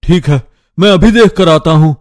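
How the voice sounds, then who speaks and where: A man voicing a patient young husband who grows loudly exasperated. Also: on the high side, normal speed, dry recording, studio quality, lightly acted.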